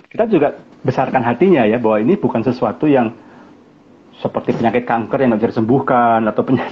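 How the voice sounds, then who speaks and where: Man, guest speaker, animated storyteller who acts out quotes, lightly muffled live-stream sound. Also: mid-range voice, slight background noise. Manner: animated, acts out quoted people in raised voices, chuckles often. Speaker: guest speaker on family life. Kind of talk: casual talk on an Instagram Live.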